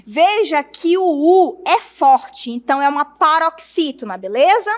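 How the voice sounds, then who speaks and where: A Brazilian woman teacher with a high voice takes her class through a lesson one step at a time. She stretches out syllables as she spells them and keeps checking in with the students. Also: lively intonation, measured pace. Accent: Brazilian Portuguese.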